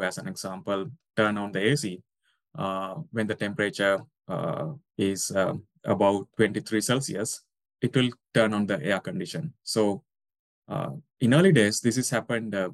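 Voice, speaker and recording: A man's voice: lowish voice, dry recording. A young man from Sri Lanka, a researcher answering interview questions with many hesitant fillers. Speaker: guest researcher.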